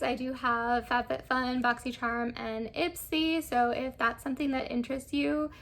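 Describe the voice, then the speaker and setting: A woman's voice: sits high, creaky, a bit bright. A young woman chatting casually through a makeup try-on, rambling with lots of fillers. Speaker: beauty vlogger.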